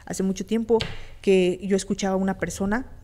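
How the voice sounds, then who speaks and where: A woman's voice: mid-range voice, fairly even intonation, fairly quick, warm tone, a little hiss or hum. Blunt Mexican woman, emphatic talk. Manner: emphatic, blunt, with crude slang and strings of rhetorical questions. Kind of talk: motivational talk on a radio show.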